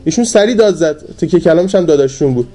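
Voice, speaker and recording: A man preaching a sermon in a colloquial storytelling manner. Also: soft background music. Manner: colloquial storytelling with lively pitch swings.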